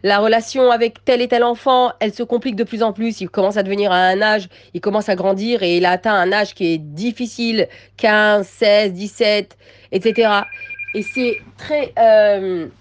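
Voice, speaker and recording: A woman giving an inspirational religious talk to women, emphatic and repetitive, moving between soft passages and raised ones. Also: mid-range voice, normal speed, no echo. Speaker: religious teacher addressing women.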